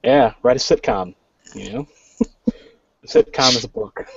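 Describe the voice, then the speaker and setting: A man's voice: mid-range voice, unhurried, vocal fry, highs cut off. A man co-hosting a casual podcast chat who often repeats words as he gets going. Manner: repeats words as he starts, reads a bio aloud. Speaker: podcast co-host.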